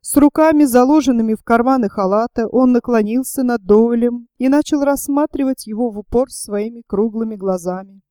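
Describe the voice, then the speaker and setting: In a smooth, close, dry recording with no room sound, a female narrator reads a novel steadily, in a measured audiobook style. Her voice sits a little high but sounds dark and mellow.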